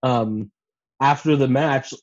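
A man's voice: medium pitch, takes it slowly. A man co-hosting a podcast, giving a casual recap, swearing freely and acting out quotes. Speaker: podcast co-host. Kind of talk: casual animated recap chat. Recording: dull lo-fi voice recording.

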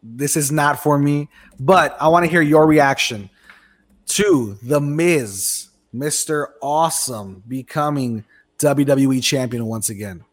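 A man's voice: on the high side, slow. An American man hosting a radio show, talking casually and animatedly about sports entertainment.

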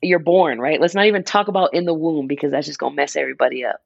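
Creaky twenty-something podcast co-host. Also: mid-range voice, quick pace, no echo, lo-fi sound. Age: 20s. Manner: rambling, animated, explains with restarts and laughs. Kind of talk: casual chat.

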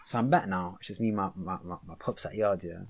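A young man with a London accent talks casually in a fairly low-pitched voice. His storytelling is animated and packed with slang, as in a relaxed chat between friends. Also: a little fast. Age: young adult.

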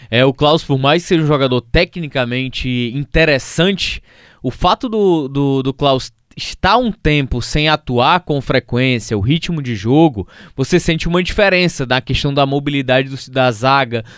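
A man's voice: mid-range voice, no room sound, studio quality. A man analysing football in a podcast, thinking aloud with small restarts. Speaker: football commentator. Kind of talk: casual sports podcast analysis.

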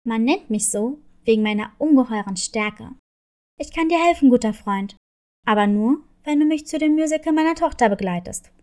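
A woman's voice: fairly high pitch, lively intonation, moderate pace, voice pushed down, natural voice. A woman voicing a strong, proud grown male cat who is a loving father, in a children's story. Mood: fatherly. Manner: warm, confident, boastful. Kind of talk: storybook reading.

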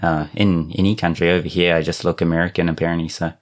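A man with a New Zealand accent asks questions in a loose, easygoing chat. His low voice keeps dropping in fillers. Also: flat delivery, quick pace. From born in Japan, raised in New Zealand. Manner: easygoing, filler-heavy, laughs along. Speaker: interviewer. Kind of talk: casual interview chat.

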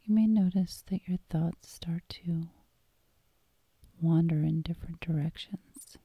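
A woman leads guided hypnosis in a very dark, mellow, breathy voice that often sinks toward a whisper. Her delivery is calm and meditative, drawn out at an unhurried, slow pace. The sound is dry and close. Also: on the low side, no echo.

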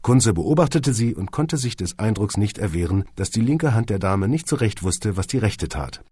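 A low-pitched man reads an audiobook in a lively, animated way with wry storytelling. His voice is husky and the sound is dry and close. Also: normal speed, dry recording. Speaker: audiobook narrator. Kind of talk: audiobook reading.

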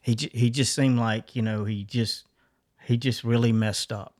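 A middle-aged man at an ordinary pitch talks through a personal story on a podcast. He is earnest and informal, often stopping and restarting his sentences as he thinks aloud. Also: fairly even intonation, moderate pace, a little mellow. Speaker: podcast co-host. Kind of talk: casual chat, personal story.

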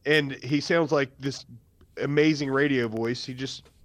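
A man co-hosting a casual fantasy football podcast from home over a remote call, teasing and quick to argue his picks. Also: mid-range voice, fairly even intonation, a bit bright, no room sound. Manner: argumentative, teasing. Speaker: podcast co-host. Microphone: remote call mic.

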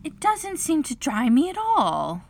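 A woman's voice: high voice, huge pitch swings, a little slow, gravelly, slight background noise, voice pushed up, exaggerated voice. A woman voicing a small girl who speaks in a melancholy, sad tone. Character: small, gloomy young girl.

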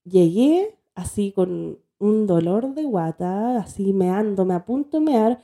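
A woman with a Chilean accent, co-hosting a casual chat. She tells a story in a lively way, swears freely and acts out what she said back then. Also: medium pitch, slow pace. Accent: Chilean Spanish. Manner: lively, swears freely, acts out her own past lines. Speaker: podcast co-host.

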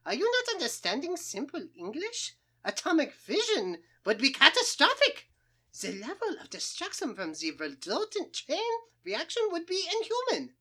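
A woman's voice: high-pitched, huge pitch swings, moderate pace, a bit bright, heavily acted. A woman voicing a boastful, eccentric male mad scientist with a put-on German accent, blustering and cackling in a comic radio play. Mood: pompous, ranting. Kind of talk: comic old-time radio play acting.

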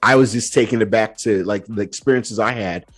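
A young man hosting a podcast, telling stories in a relaxed, chatty way full of "like" fillers. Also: on the low side, a little fast, breathy edge, soft background music. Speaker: podcast host. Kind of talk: casual conversational storytelling.

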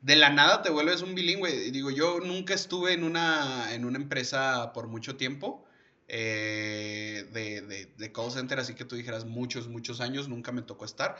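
A man's voice: mid-range voice, moderate pace, bright, forceful tone, dull audio. A Mexican man co-hosting a casual, slangy chat, joking and swearing freely. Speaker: podcast co-host.

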